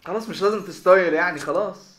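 A man with an Egyptian Arabic accent giving excitable live game commentary, with shouted exclamations and stammered repeats. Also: high-pitched, very fast, roomy sound. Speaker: gaming video host.

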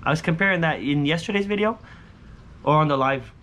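This is a scratch-off lottery host, a man in his thirties, talking informally to his audience while scratching tickets outdoors on a covered poolside patio. His pitch sits fairly high and his delivery is fairly quick, pushed and bright, built from short, repetitive phrases. Ambient background sound is clearly audible.

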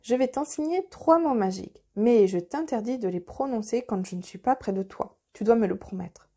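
A calm, stern master sorcerer from a children's storybook, voiced by a woman reading the tale. He speaks slowly and solemnly in a soft, mellow tone. The delivery stays measured and grave. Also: on the high side, breathy edge.

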